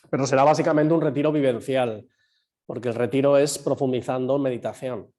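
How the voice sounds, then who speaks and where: Slightly hoarse yoga teacher. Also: male voice, medium pitch, measured pace, warm tone. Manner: explains patiently, quizzes students, many fillers. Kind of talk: online class lecture. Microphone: computer mic on a video call.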